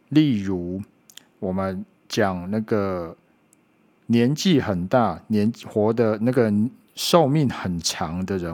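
A man's voice: deep voice, a little mellow. Patient man teaching pronunciation. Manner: patient, repeats words slowly to demonstrate. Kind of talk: online pronunciation lesson.

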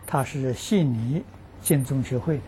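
A man delivers an unhurried Buddhist dharma talk in a dark, mellow voice, his pauses filled with long "ah" sounds. He sounds earnest and keeps insisting that what he says is true. His pitch sits at an ordinary middle height. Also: a little hiss or hum. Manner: peppers speech with drawn-out "ah" fillers; earnest, stresses that the account is true. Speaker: Buddhist teacher answering practitioners' questions.

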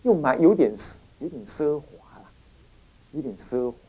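Animated woman telling a dharma story. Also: low voice, moderate pace, husky. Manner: animated storytelling, acting out each character with dramatic voices and sighs. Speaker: Buddhist teacher and temple abbot.

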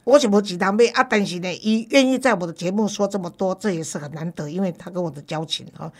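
A woman's voice: medium pitch, fast, darkish tone. A woman with a Taiwanese accent and a mid-range voice hosts an interview. Her delivery is casual and colloquial, sliding between Hokkien and Mandarin as she addresses guest and listeners. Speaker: host.

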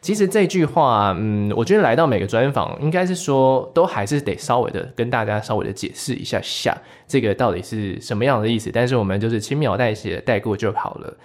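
Casting: male music radio host, medium pitch, Taiwanese Mandarin accent, casual and talkative interviewer. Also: expressive, fairly quick, few pauses.

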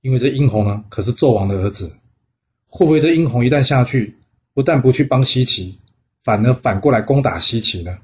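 A man's voice: medium pitch, a little fast, a little mellow. Chatty male storyteller, lo-fi. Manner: chatty, with rhetorical questions. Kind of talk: storytelling narration.

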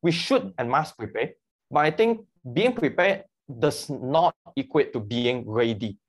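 A man's voice: medium pitch, animated, a little slow, breathy edge. A man speaking as a guest about his work as a mission mobilizer, earnest and explaining with analogies. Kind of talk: conversational interview.

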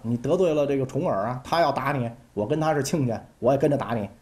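A man voicing a proud, impatient ancient ruler who talks brusquely and dismissively in a lower, softer voice. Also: fast talker, natural voice.

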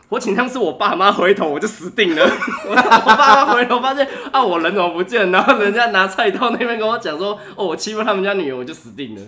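A young man with a Taiwanese Mandarin accent, a podcast guest telling funny stories in casual chat and laughing often. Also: high voice.

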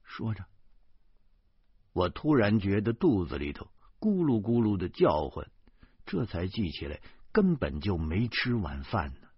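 A man narrating a novel in the first person, expressive storytelling with bursts of indignation, on a slightly dull lo-fi recording. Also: sits low, unhurried, husky, no echo. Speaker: audiobook narrator.

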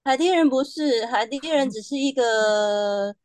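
A woman chatting as a podcast guest, telling her own story with animated quoted asides. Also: fairly high pitch, no room sound. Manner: animated storytelling, quoting others in quick asides. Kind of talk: casual chat.

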